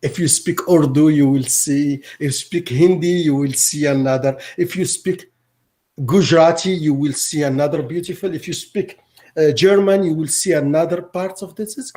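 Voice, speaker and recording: This teacher, a middle-aged man from Morocco with Arabic as his first language, has a mellow voice on the high side. He responds to interview questions in a halting manner, frequently repeating himself and restarting.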